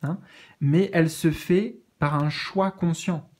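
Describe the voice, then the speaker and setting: A man with a slightly high voice reads spiritual cards in a casual, soothing way. He stumbles and restarts often, filling pauses while he searches for the right words. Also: fairly even intonation. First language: French. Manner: hesitant, searching for words, many fillers; gentle, reassuring. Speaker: tarot card reader. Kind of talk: casual spiritual card reading.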